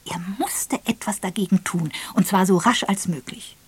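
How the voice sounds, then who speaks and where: A woman reading an audiobook aloud in a quiet, at times whispery narrating voice. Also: mid-range voice, moderate pace, breathy edge. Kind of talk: scripted narration.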